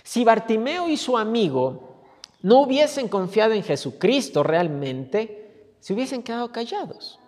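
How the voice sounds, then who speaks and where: A man's voice: sits high, sing-song, unhurried, a little mellow. A male pastor preaching a sermon, stumbling over repeated words and crying out quoted pleas. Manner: repeats words when stuck, then cries out quoted pleas. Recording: long hall reverb.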